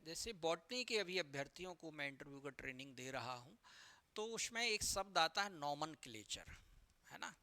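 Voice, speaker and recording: A man giving an explanatory lecture as an interview coach, often tagging his sentences with a questioning "right?" and spelling out abbreviations slowly. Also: fairly high pitch, bright, forceful tone, no echo. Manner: repeats "है ना" as a tag.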